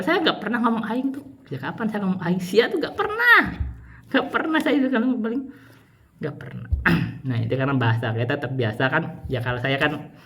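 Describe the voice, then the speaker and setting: A man from West Java with a Sundanese accent, teaching religion in a casual, rambling way, jumping from high exclaims to low mutters. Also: pushed and bright. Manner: rambling, repetitive, pitch swings between high outbursts and low mutters. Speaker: Islamic teacher.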